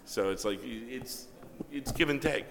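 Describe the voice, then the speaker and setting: A man, a comic book writer, telling casual anecdotes in an interview, animated, acting out quoted dialogue and swearing freely. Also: medium pitch, normal speed, gravelly, long reverb tail, slight background noise.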